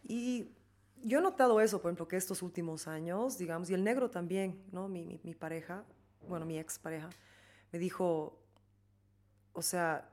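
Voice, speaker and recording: A woman's voice: lowish voice, moderate pace, darkish tone. Bolivian woman telling a candid story. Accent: Bolivian Spanish. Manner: candid, storytelling, many restarts and fillers. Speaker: guest. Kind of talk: casual chat.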